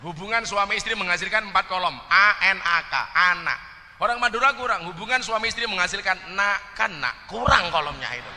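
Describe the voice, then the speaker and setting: A man's voice: sits high, a little fast, pushed and bright. A man with a Javanese accent preaching a joking sermon to a gathered audience, teasing them about regional dialects and throwing questions at the crowd. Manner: addresses the crowd directly with questions. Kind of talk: humorous religious sermon. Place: religious gathering before an audience. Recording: long hall reverb, faint background noise.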